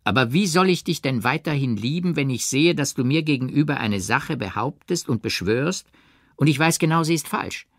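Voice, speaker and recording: A man playing a jealous, pressing gentleman. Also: medium pitch, expressive, moderate pace, no echo, clean studio sound, pitched above the performer's own voice. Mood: persuasive. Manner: pressing, falsely gentle persuasion. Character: jealous, insistent gentleman lover.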